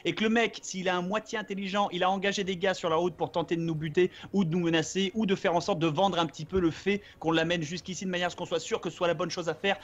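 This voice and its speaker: A man banters as a game player. His voice is high and he talks quickly, bluntly and with plenty of swearing. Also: lo-fi sound. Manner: blunt, profane. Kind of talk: casual banter and argument.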